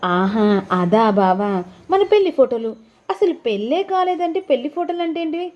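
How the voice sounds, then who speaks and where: A woman's voice: lively intonation, normal speed, highs cut off. A woman voicing a playful, teasing young wife in a sing-song manner. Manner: sing-song, teasing, raises her voice high.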